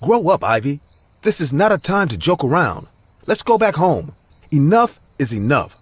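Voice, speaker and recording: A man voicing an angry young boyfriend who loudly scolds his girlfriend. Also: a little high, sing-song, moderate pace, breathy edge, voice pushed up. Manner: scolding, loud.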